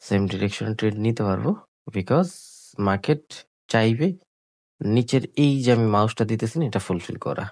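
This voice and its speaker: A sick, coughing man, talking slowly through live trades on screen and repeating his points, mixing in English words. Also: on the low side, darkish tone, no room sound. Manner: slow, repetitive explaining with English words mixed in. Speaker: trading tutor. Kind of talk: live trading screen commentary.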